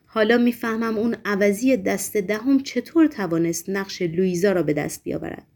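A woman voicing a spiteful young actress cousin with a shrill, gloating manner. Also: a little mellow, natural voice.

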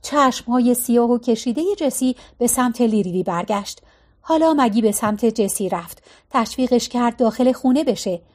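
Narrator: woman, high voice, calm and measured storytelling. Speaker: audiobook narrator.

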